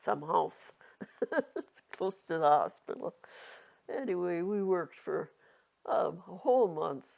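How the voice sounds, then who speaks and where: A very old woman in her nineties reminiscing casually, halting and rambling, with a creaky aged voice. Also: fairly low pitch, expressive, a little mellow. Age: 90s. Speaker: interviewee. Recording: dull lo-fi home recording.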